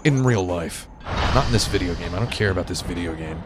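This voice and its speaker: Male game streamer, lowish voice, casual commentary, rambling, slangy, hyperbolic, game music behind. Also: animated, a little fast. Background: game music and dialogue.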